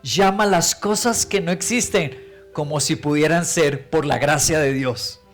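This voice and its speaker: High-voiced emphatic preacher man. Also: measured pace, soft background music. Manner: emphatic, with rhetorical questions and vivid storytelling. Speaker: pastor. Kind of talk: sermon.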